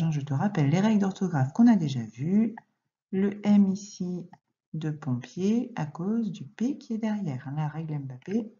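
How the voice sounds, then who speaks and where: Woman, primary teacher, very slow and clear delivery, talks to the child directly; dull lo-fi sound. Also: lowish voice, warm tone. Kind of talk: recorded reading lesson and dictation for young children.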